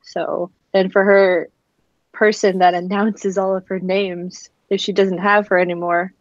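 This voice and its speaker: A woman's voice: mid-range voice, flat delivery, a little slow, dry recording. Female panel guest, rambly filler-heavy chat, lo-fi dry sound. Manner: rambling, lots of "like", acts out sassy quotes. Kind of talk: casual group chat. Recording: dull dry lo-fi mic.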